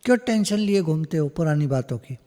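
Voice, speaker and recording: A man giving a spiritual discourse over a video call, slow and emphatic, often slipping into English phrases. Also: on the high side, animated, dark tone, long reverb tail. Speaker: satsang speaker.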